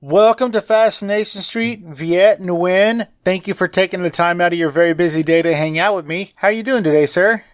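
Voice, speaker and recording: A man's voice: high voice, fairly quick, hardly any pauses. A man hosting a podcast, talking casually to his listeners and calling them guys. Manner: breezy, addresses listeners as guys. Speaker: podcast host. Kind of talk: casual podcast chat and ad reads.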